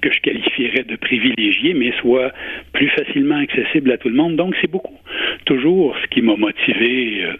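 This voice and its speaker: A man in his sixties with a Quebec French accent, giving earnest, deliberate interview answers and pausing to search for his words. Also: mid-range voice, husky. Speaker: interview guest, retired public servant and volunteer. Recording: muffled phone-like radio line with echo.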